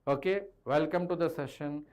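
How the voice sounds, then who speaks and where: Middle aged indian guy teaching an online class, bit high voice, talks right to the students, mixes languages. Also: steady tone, moderate pace, a little mellow. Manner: code-switches between English and Hindi, addressing students directly. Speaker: chemistry teacher. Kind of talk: live online lesson, explaining at a board. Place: indoor teaching studio with a digital board. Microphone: clip-on lapel mic.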